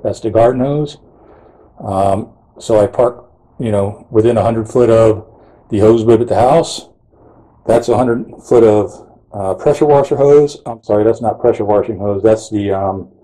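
A man with a low, very dark voice gives a casual walkthrough of his equipment. He talks plainly and unhurriedly, with plenty of ums and you-knows, while filming first-person inside a trailer on a handheld camera mic. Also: poor audio. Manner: plain, unhurried explaining with fillers. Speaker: pressure washing business owner.

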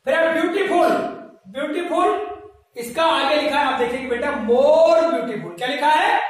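A woman's voice: sits high, fast, crowd noise. Patient woman teacher in an echoey room. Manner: patient, spells words letter by letter, checks understanding often. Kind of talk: classroom lesson. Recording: echoey room, mic far off.

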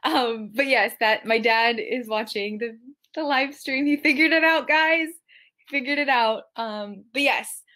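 A woman's voice: on the high side, a bit bright. A woman in her twenties chatting casually on a livestream in a bubbly, self-mocking Gen Z manner, sprinkled with "like", on a webcam in a bedroom. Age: 20s. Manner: bubbly young Gen Z talk, giggly, self-mocking, full of "like". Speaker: TikTok creator and actor hosting a livestream. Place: small bedroom, indoors.

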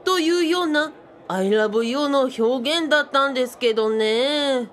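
In a comic radio drama, a woman with a high-pitched voice speaks a little slowly as an eager, bookish, boyish male sidekick. He talks politely with quirky sentence endings and sounds puzzled and earnest.

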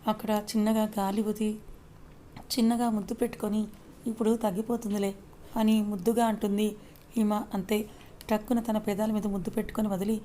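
A woman storyteller reading an audio story in an even, steady way. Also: medium pitch, a little fast, slight background noise.

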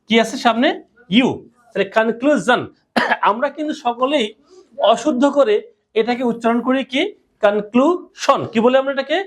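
Woman drilling English pronunciation. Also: fairly high pitch. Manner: drilling and quizzing students with repeated questions. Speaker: English teacher. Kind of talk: classroom pronunciation lesson.

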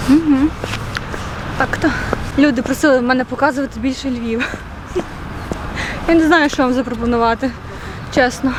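A woman's voice: sits high, background noise. Chatty young woman vlogging outdoors. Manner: chatty, playful, jokey asides to camera. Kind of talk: casual walking vlog. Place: outdoors on city streets and in a park. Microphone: handheld phone at arm's length.

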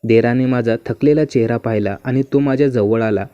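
A man narrating a first-person story in a smooth, even and unhurried reading manner. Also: medium pitch, no room sound. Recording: dull, muffled dry recording.

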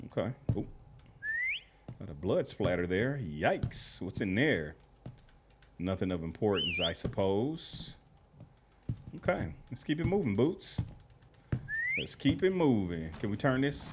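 Young male gamer, lively pitch, teasing banter, some background noise. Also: slow pace, long pauses. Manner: playful, trash-talking the enemies. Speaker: gaming commentator. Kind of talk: horror game commentary.

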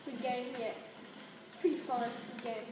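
A woman playing a shooter game with a friend, excitedly calling out kills and cheering. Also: fairly high pitch, unhurried. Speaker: co-host of a gaming podcast. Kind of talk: casual banter while playing a shooter game. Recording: very echoey, far from the mic, noisy.

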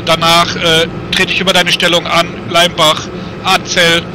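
A man's voice: on the high side, monotone, measured pace. A man speaking over a radio, giving terse orders in clipped military radio procedure, hesitating with fillers. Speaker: player as tank platoon leader. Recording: distant radio voice with loud noise.

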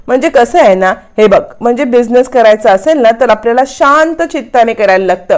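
A woman's voice: on the high side, brisk, clear, resonant tone, natural voice. Brief: know-it-all young man coaching a friend, as a woman narrator voices him. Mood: lecturing. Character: young man lecturing a friend on business tips.

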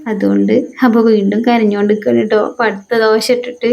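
A woman, talking through a family vlog in a soft, homely way and holding back tears. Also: medium pitch, level tone, fast talker, creaky, highs cut off. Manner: soft, homely, ends phrases with a gentle tag. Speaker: family vlogger. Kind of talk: casual voice-over narration.

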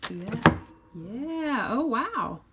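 A woman's voice: a little high, drawn-out words, heavy background noise. A woman filming a workshop video, adding cheerful short remarks from behind the camera. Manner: cheerful short comments, excited. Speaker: camera operator.

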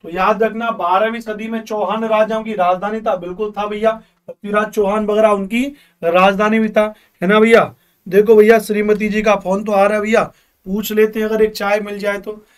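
A male teacher running a live online revision class. He quizzes viewers, repeats questions slowly and jokes with them. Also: sits high, little pitch movement, clear, resonant tone, far from the mic. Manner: joking banter with viewers.

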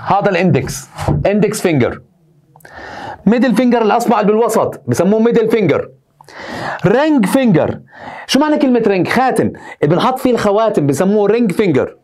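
A man's voice: high-pitched, a little mellow. A male teacher, drilling vocabulary by asking and answering his own questions. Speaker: English teacher. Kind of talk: vocabulary lesson, repeating words.

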